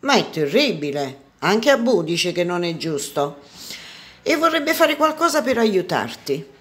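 A bold young street hero, as a woman reads him aloud, talking in a lively, cheeky way. A plain storybook voice, a little higher and brighter than the narration. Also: a little slow.

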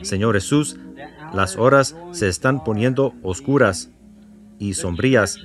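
A man's voice: lowish voice, measured pace, faint music behind. A man preaching a sermon and leading a prayer with fervour, repeating words and putting questions to the congregation.

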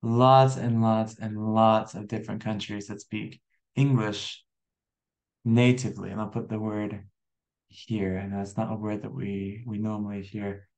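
A man's voice: lowish voice, flat delivery, unhurried, a little mellow. An American man in his twenties teaching an online English lesson, talking in a friendly way, repeating words and asking the viewer questions. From USA. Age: 20s.

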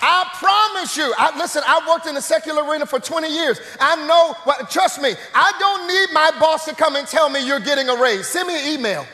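Emphatic man preaching a sermon, high bright tone, big hall echo. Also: brisk, few pauses. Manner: emphatic, shouts key phrases, animated asides. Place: church sanctuary. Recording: echoey church sanctuary.

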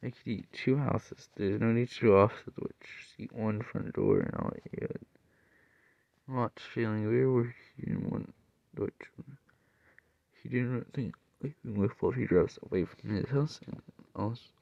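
A young man reading fan-made stories aloud, stumbling and halting with asides, over faint background noise. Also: medium pitch, gravelly, dry recording, lo-fi sound.

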